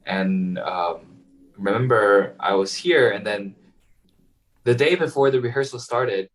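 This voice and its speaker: Young man, lowish voice, hesitant, fillers, mic at a distance. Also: unhurried. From Taiwan. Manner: hesitant, many fillers and restarts. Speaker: guest violinist. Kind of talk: casual interview answers. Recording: voice heard from a distance.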